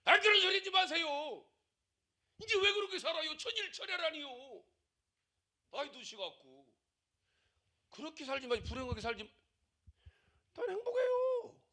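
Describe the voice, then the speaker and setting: A man voicing a fussing acquaintance who nags and pleads with him to slow down and enjoy life. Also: very high voice, sing-song, sharp tone, pitched above the performer's own voice, exaggerated voice. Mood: pleading, nagging. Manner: pleading, nagging. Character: fussing acquaintance urging rest.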